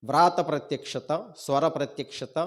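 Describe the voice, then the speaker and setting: Male Telugu preacher with a high voice. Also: moderate pace. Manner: asks the congregation questions, repeats phrases; rises loud on key words, then drops low at line ends. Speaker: pastor. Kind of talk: sermon.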